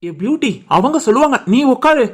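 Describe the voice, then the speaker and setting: A woman voicing an easygoing family member who readily agrees and jokes along in an animated family story. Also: high voice, quick pace, breathy edge. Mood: playful.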